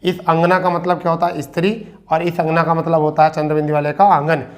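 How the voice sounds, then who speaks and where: A man's voice: on the high side, monotone, fast. A man teaching an exam-prep Hindi spelling lesson, repeating each word and asking and answering his own questions. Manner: addresses students as beta.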